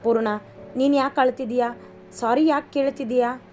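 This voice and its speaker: A woman's voice: on the high side, steady tone, darkish tone, a little hiss or hum, lightly acted. Woman voicing a tender, teasing young husband. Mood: consoling. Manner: coaxing, playful, quick.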